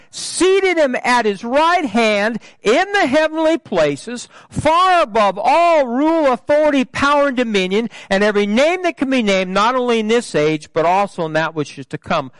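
A man pastor preaching a sermon with call-and-response, emphatic, swelling louder and higher on key phrases. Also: lively intonation, moderate pace, few pauses, clean tone, no echo.

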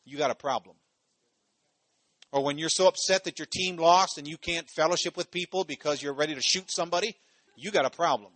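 A man's voice: a little high, a little fast, fairly bright tone, no echo. A man from Ohio preaching a sermon in a loose, conversational way, full of "you know" asides and phrases repeated for emphasis. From Ohio, USA.

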